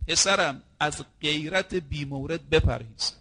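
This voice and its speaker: High bright-voiced male preacher. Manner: storytelling, acting out quoted dialogue; addresses listeners directly as brothers and sisters. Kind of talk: sermon.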